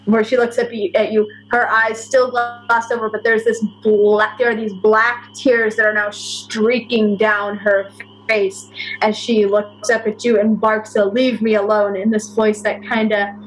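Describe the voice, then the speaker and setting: A woman acting as game master, narrating a tabletop game in a measured, descriptive way. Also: mid-range voice, level tone, a little hiss or hum, low-quality recording.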